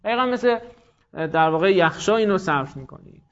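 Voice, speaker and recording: A man with a fairly high voice gives a classroom lecture. He explains playfully, bringing rules to life as bickering characters and throwing in jokes. The recording sounds a little dull and lo-fi. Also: lively intonation, a bit bright. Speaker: teacher.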